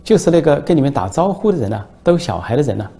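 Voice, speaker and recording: A man's voice: on the high side, sing-song, quick pace, creaky, dark tone, voice pushed up. A man voicing an eager newspaper reporter in a told joke, fawning and easily surprised.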